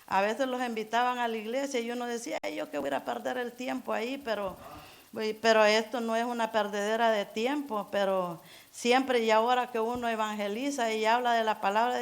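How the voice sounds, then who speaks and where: A middle-aged woman giving an informal church sermon in an earnest, halting way, restarting phrases and repeating words as she goes. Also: on the high side. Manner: keeps urging listeners to imagine. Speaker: church member preaching.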